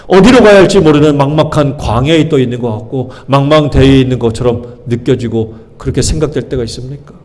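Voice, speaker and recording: A man preaching a sermon as pastor, emphatic and swinging between loud exclamations and hushed pleas. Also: medium pitch.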